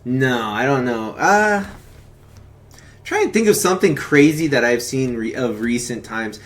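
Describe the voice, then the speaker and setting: This man hosts a stream and talks about movies unhurriedly, his mid-range voice full of lively intonation. The chat is loose and rambling, with casual swearing.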